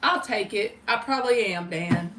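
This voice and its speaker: A woman with a medium-pitched voice, speaking at a moderate pace, hosts a casual livestream as a tarot reader. She chats informally with viewers, addressing them by name, swearing mildly, and offering spiritual readings. A distant mic gives the recording a roomy sound with faint noise.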